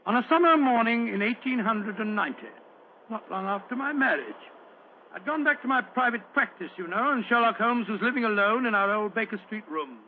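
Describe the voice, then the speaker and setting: Radio drama casting: fussy, kindly old English doctor, high-pitched, avuncular, telephone-thin vintage sound. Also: male voice, lively intonation, a little fast. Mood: reminiscing. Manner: chuckling, avuncular, fussy, hesitant asides. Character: genial fussy old English doctor recounting past adventures. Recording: narrow-band old radio recording with hiss.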